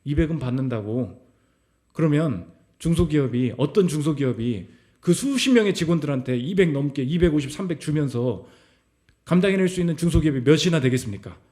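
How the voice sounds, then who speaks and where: A man's voice: fairly high pitch, animated, a little fast, dark tone. A male pastor giving a sermon at a Friday prayer meeting in a church, talking conversationally and firing rhetorical questions at the congregation. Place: church service.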